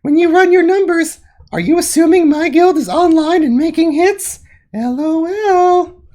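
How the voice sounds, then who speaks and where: Lady putting on a squeaky snarky gamer girl, way up high, mocking and swoopy. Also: animated, a little slow, dark tone. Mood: sarcastic. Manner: sarcastic, mocking.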